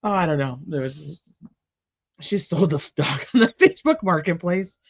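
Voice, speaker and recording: A woman's voice: lowish voice, big pitch swings, normal speed, muffled recording. Chatty woman rambling through a trial recap. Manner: rambling, chatty, with frequent fillers and laughs. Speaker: true crime channel host. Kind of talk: casual trial recap commentary.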